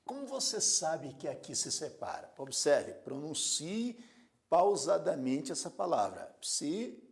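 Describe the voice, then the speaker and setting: A man teaching a grammar lesson, speaking slowly and deliberately, repeating words syllable by syllable and asking the learner rhetorical questions. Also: fairly high pitch, sing-song, creaky. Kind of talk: classroom lecture.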